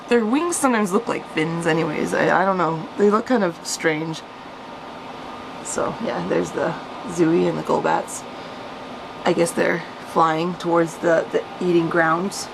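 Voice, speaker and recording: With a deep, creaky voice and noise in the background, a woman who vlogs and tells stories reads out her childhood story. She chuckles and mocks herself in relaxed, amused commentary, livening up as she reads.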